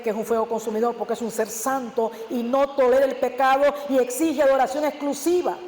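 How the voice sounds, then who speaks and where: A male pastor preaches fervently, firing rhetorical questions and sudden loud emphasis. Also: very high-pitched, slight background noise. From Nicaragua. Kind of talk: sermon. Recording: echoey church hall with long reverb.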